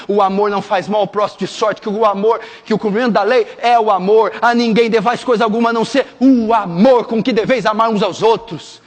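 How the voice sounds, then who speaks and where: A man preaching a sermon as pastor, dropping to hushed tones and rising to shouted fervor. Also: steady tone, brisk, few pauses. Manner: swings from hushed intimate lows to shouted fervent climaxes. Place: church sanctuary. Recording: long hall reverb.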